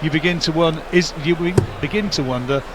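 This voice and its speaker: A man with a fairly high voice commentates live on darts. He is conversational and discursive, given to wry asides, with loud arena noise behind him. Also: fairly quick. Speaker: sports commentator. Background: noisy darts arena.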